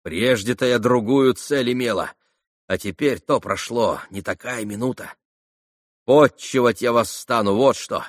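A man reading an audiobook, voicing an excitable, teasing young woman who chatters playfully. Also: medium pitch, a little slow, no room sound, studio quality, lightly acted. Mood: teasing excited. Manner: chattering, playful, mock-scolding. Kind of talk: audiobook character voice.

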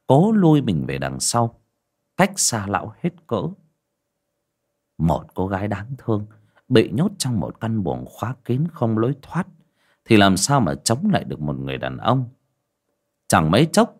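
A man's voice: on the low side, a little mellow. A man narrating a horror story in a dramatic, vivid storytelling manner. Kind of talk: scripted storytelling.

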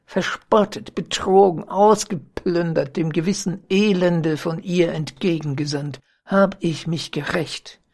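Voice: medium pitch, darkish tone. A reader voicing a betrayed, vengeful young man in an audiobook of old literary prose, speaking with impassioned emphasis.

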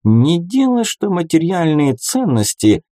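A man voicing a fawning, eager male guildsman who gushes and flatters, in an audiobook. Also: fairly high pitch, measured pace, dry recording, studio quality, pitched above the performer's own voice. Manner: gushing, ingratiating.

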